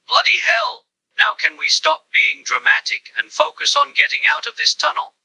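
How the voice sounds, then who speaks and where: A man's voice: extremely high pitch, huge pitch swings, measured pace, creaky, pushed and bright, no room sound, voice pushed up, exaggerated voice, poor audio. A man voicing a grumpy, exasperated male engine who grumbles sarcastically.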